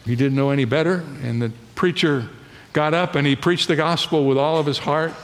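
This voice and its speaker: A middle-aged man preaching a sermon in a church, telling stories with animation and slowing down to stress key lines. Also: a little high. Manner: animated storytelling preacher, slows for emphasis. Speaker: pastor. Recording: long reverb of a large hall.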